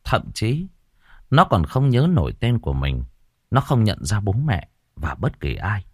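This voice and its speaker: A man's voice: on the low side, wildly swooping pitch, measured pace, breathy edge, no room sound, clean studio sound. A man narrating a horror audiobook story in a dramatic, swinging manner.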